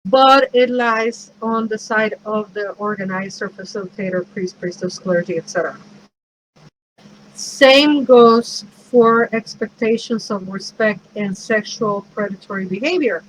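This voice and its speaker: A woman's voice: medium pitch, measured pace, a little hiss or hum, rough recording. A woman priestess and minister giving a frank, conversational workshop talk, advising listeners with self-deprecating asides.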